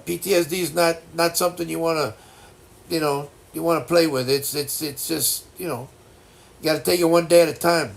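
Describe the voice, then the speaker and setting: Male streamer, 60s: stuffed-up nose, crackly voice pitched a bit high, halting casual chat. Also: steady tone, creaky. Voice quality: congested, blocked-nose sound. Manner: halting, reflective, folksy reassurance. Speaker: livestream host chatting with viewers.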